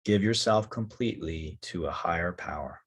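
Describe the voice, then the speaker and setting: Leading yoga nidra, this teacher has a low, slightly rough male voice. His calm, soft guidance comes in brief phrases with long silences between them.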